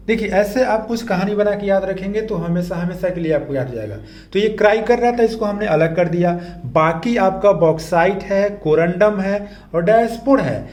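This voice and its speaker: Male chemistry teacher, high voice, patient and repetitive, echoey room faint hiss. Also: a little mellow. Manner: patient, repeats key terms and asks the class questions. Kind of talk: classroom lecture with memory tricks.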